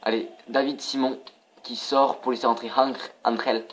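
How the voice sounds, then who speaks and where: A young man casually commentating his own football video game for viewers, excitable and prone to swearing. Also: medium pitch, moderate pace, slight background noise. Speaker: gaming channel host.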